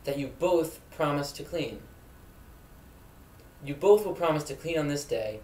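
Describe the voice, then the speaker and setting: This young adult man speaks in a warm, medium-pitched voice while hosting a mock safety video. Reading earnestly from a script, he gives solemn, preachy advice. He is indoors in a dorm room, and the recording echoes.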